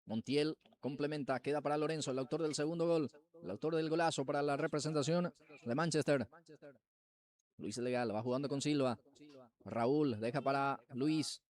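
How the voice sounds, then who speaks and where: A man's voice: on the high side, moderate pace, darkish tone. A man with a Paraguayan accent giving live football commentary as the play-by-play announcer.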